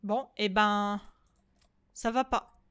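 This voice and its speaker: A young adult woman streaming a horror game, chatting casually with her viewers. She swears freely, repeats herself in quick bursts and breaks into shrieks when the game startles her. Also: medium pitch, steady tone, a bit bright, clear, resonant tone. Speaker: gaming streamer. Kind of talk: let's-play commentary of a horror game.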